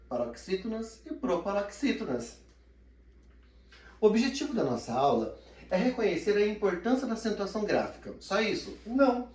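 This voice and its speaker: A man's voice: high voice, darkish tone, recorded from a distance. A man teaching a Portuguese grammar lesson, who voices imagined student questions and stretches words out to stress their syllables. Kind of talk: recorded online grammar lesson. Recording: echoey room, somewhat off-mic.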